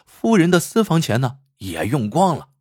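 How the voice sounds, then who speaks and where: Lively husky male storyteller. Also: fairly high pitch, normal speed, dry recording, clean studio sound. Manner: animated, vivid storytelling. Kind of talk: folk tale narration.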